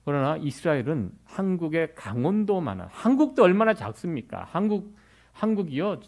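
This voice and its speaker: A man's voice: a little high, very animated, normal speed, a little mellow. A middle-aged man from Korea, preaching a sermon as pastor in a conversational way, with many rhetorical questions to the congregation.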